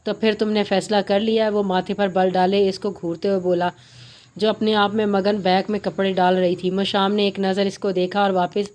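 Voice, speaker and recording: A woman's voice: medium pitch, flat delivery, moderate pace, darkish tone. A woman narrating a romance novel aloud, reading steadily with small stumbles and fillers.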